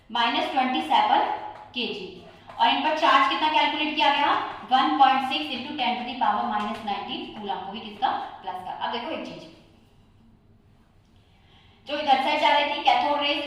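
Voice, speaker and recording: Woman teacher, high voice, quizzing and self-answering, distant mic in a very echoey room. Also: a bit bright. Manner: poses questions and answers them herself. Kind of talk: exam-prep chemistry lecture.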